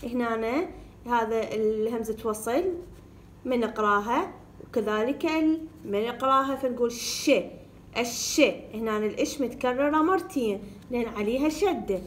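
High-voiced woman teacher sounding out syllables. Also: slight background noise. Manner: sounds out syllables slowly and repeats words. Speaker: primary school teacher. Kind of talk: reading lesson for first graders.

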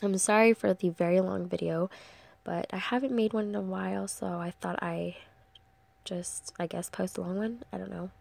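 In a craft tutorial voice-over, a young adult woman who runs a crafting channel chats and rambles with many ums in a stuffy, congested voice. Her mid-range voice has fairly even intonation, a moderate pace, vocal fry and a darkish tone.

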